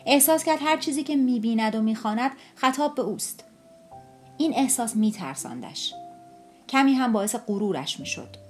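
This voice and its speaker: A woman narrating an audiobook in a steady, measured reading voice. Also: a little high, soft background music.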